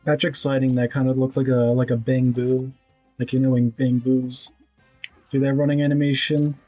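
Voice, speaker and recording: A man's voice: mid-range voice, flat delivery, moderate pace, lo-fi sound, faint music behind. A man in his twenties streaming a video game, talking casually with blunt, rambling commentary and casual swearing. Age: 20s.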